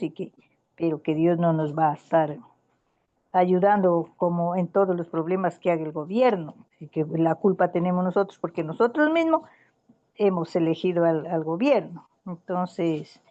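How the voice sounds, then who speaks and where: Woman, low voice, mellow tone, earnest rambling storyteller, Bible study chat, dull lo-fi audio. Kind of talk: casual Bible study conversation.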